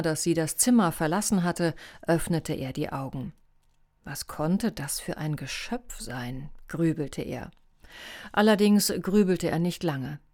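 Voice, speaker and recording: Audiobook narrator, low female voice, steady delivery.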